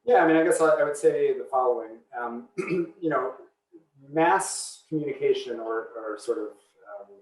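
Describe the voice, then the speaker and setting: Man, academic Q&A over a video call, mid-range voice, echoey room, far from the mic, halting with fillers. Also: medium pitch. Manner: thinking aloud with frequent fillers and restarts. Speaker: seminar speaker. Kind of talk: academic Q&A answers. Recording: roomy, distant from the mic.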